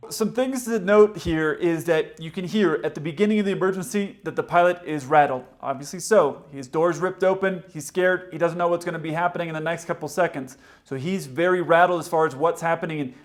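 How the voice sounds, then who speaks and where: In a video on aviation radio, the pilot host gives blunt, opinionated explanations of flying procedures. His pitch is fairly high, and he talks fairly quickly with few pauses.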